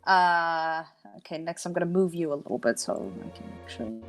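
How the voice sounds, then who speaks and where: Female player, expressive and reactive, bright pitch swings. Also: a little fast, faint music behind. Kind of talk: casual play chatter.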